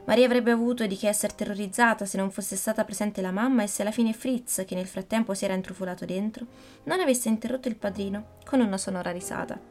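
A woman narrating a classic fairy tale audiobook in a gentle, expressive way. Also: mid-range voice, quick pace, soft background music. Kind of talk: audiobook storytelling.

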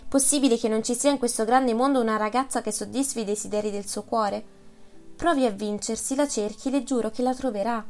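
Young woman, gently firm, pleading earnestly , as a woman reads her. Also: fairly high pitch, fairly even intonation, brisk, soft background music, close to an everyday voice.

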